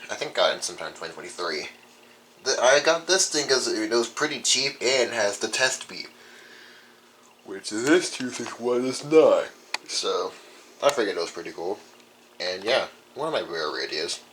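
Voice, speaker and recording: Speaking at normal speed, a young man with a lowish, fairly bright, animated voice shows off his radio collection in a loose, rambling way. The indoor recording carries some background noise.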